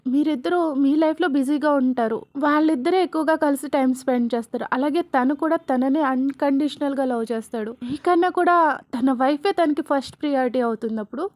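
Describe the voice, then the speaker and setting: A woman voicing a playful, teasing young woman who coaxes and lectures her friend, with a high voice in a dry room. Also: a little mellow, dry recording, natural voice. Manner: teasing, coaxing.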